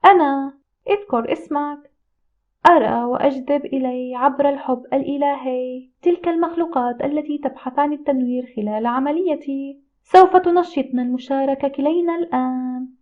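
A woman voicing a calm female spirit medium, speaking in a gentle, measured, instructive way. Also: high voice, lightly acted. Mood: serene. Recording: tinny phone-like audio.

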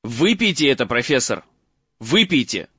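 A man's voice: mid-range voice, big pitch swings, normal speed, a bit bright, breathy edge, no echo, dull audio. A man voicing a desperate teenage boy wizard urging an old man to drink, in an audiobook reading. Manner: urgent desperate coaxing.

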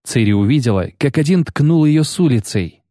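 A man narrating an audiobook in a steady, measured way. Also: mid-range voice, no room sound, clean studio sound. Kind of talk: scripted narration.

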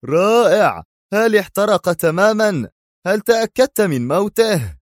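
A harsh, hot-tempered spy chief, as a man narrating the story puts him on, shouting his threats in a high, strained register well above plain reading. The audiobook sound is dry and close. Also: animated, a little slow, no room sound. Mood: stern.

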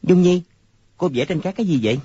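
A woman's voice: fairly low pitch, quick pace, mellow, slightly rough, dry recording, pitched below the performer's own voice. A woman voicing an earnest, honest young man who speaks plainly. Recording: muffled lo-fi recording.

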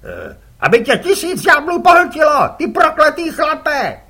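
A man's voice: extremely high pitch, wildly swooping pitch, pushed and bright, pitched above the performer's own voice, exaggerated voice. A man doing a cursing, hot-tempered rival fisherman. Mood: furious cursing. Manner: bellowing insults across the water.

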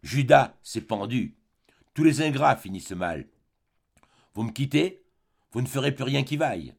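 A man's voice: mid-range voice, lively intonation, unhurried, gravelly. A man reading an audiobook, voicing a jealous, possessive spinster woman in her forties who pleads and reproaches. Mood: reproachful.

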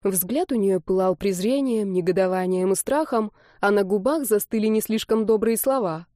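An audiobook narrator, a woman with a mellow, mid-range voice, reads a story from a script at normal speed. The recording is dry and studio quality.

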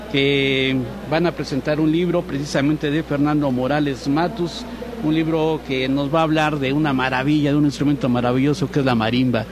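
A man hosts a live radio interview in a friendly, chatty way. His voice sits a little high. Traffic hums steadily behind him on a noisy street. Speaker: radio host. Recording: noisy outdoor traffic background.

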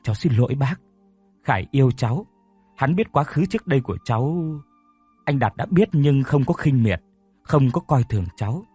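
A man's voice: mid-range voice, expressive, moderate pace, mellow, breathy edge, no echo, soft background music. A man doing a guilt-ridden young woman, choked. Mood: remorseful. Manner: choked, apologetic.

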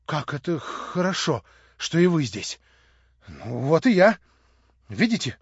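A man voicing an excitable, eager young man who pleads in high, loud exclamations. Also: slow, breathy edge, dry recording, heavily acted. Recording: dull dry lo-fi recording.

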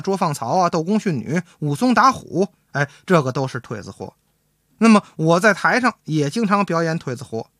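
A man hosts a radio show in a chatty, playful storytelling style. His voice is fairly high, and his pitch bounces widely as he talks. The sound is dry and close to the mic. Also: a bit bright, no room sound. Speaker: radio host and crosstalk performer.

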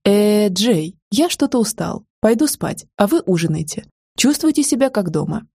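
Brief: prim male butler voiced by a female narrator, formal and deadpan, warm breathy tone. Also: mid-range voice, moderate pace, no echo, clean studio sound. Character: stiff, stone-faced male English butler, prim.

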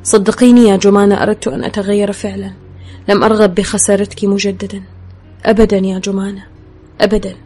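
A woman's voice: medium pitch, flat delivery, fast, dark tone, breathy edge. A woman reading a novel aloud in an intimate first-person style. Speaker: audiobook narrator. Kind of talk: scripted narration.

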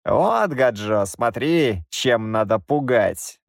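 Brief: male narrator as a sneering Roma heavy, calm threat, lively swings in pitch, dry audiobook. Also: slow, vocal fry, no echo. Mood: mocking. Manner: mocking, calm, drawn out. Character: grim middle-aged male Roma, mocking and menacing.

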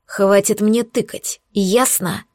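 A woman's voice: mid-range voice, no echo, studio quality. Woman voicing a growling angry demon man. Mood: menacing. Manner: slow, growling, menacing delivery. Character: young male demon lord, furious and domineering.

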